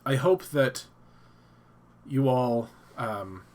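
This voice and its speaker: A man's voice: mid-range voice, lively intonation, very slow, a little mellow. A man hosting a casual live stream from his home office, stuffed up and thinking aloud with many fillers and restarts.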